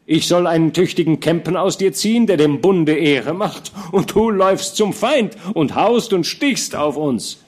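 A man's voice: on the high side, expressive, a little slow, few pauses, voice pushed up. A man doing a hearty, blustering field captain. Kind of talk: audiobook character reading.

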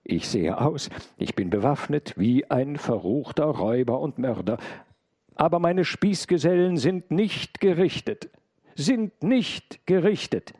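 A man's voice: mid-range voice, lively intonation, normal speed, few pauses, warm tone, breathy edge, dry recording, clean studio sound, pitched above the performer's own voice. A man putting on a wild desperate intruder. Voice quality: wild, pleading. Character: fierce desperate armed male intruder.

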